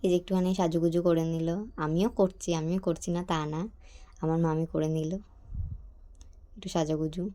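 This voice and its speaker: A woman's voice: fairly low pitch, little pitch movement, moderate pace, long pauses, dark tone. A young woman, chatting casually to her viewers in a family vlog. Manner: chatty, talks straight to viewers. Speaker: vlogger.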